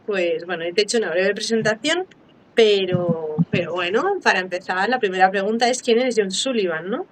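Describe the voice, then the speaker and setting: A woman hosting a live online interview, chatty and playful and quick to laugh. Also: mid-range voice, a bit bright, slight background noise, poor audio. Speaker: interviewer and live stream host. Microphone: phone, live video stream.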